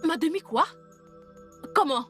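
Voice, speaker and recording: A spoiled young princess, very high voice, scolding and indignant, French film dub. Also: female voice, animated, measured pace, a bit bright, faint music behind.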